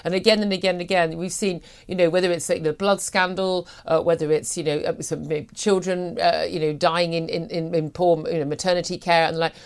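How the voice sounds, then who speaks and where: A woman's voice: lowish voice, little pitch movement, brisk, few pauses, clean tone. A woman hosting a breakfast radio talk show, arguing her views forthrightly with frequent restarts. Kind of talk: opinionated talk radio discussion. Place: radio studio.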